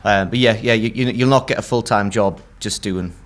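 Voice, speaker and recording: Low-voiced man hosting. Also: moderate pace. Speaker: podcast host. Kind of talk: casual pub chat. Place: pub.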